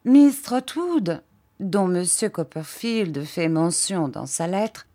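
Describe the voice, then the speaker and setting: A woman's voice: lowish voice, animated, slow, mellow. A woman reading an audiobook, voicing a prim, formal older spinster who sets out polite rules precisely. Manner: stiff, precise and ceremonious.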